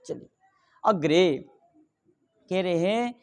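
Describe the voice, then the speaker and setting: A middle-aged man teaching Sanskrit grammar, asking questions and answering them himself, reciting the rules slowly. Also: high-pitched. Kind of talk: explaining grammar rules in a lesson.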